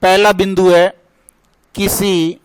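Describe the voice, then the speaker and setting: Male teacher, grammar lesson, high voice, dry close recording, asks and answers his own questions. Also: flat delivery, clean tone, no room sound, low-quality recording. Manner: slow, repeats questions and answers to drill points.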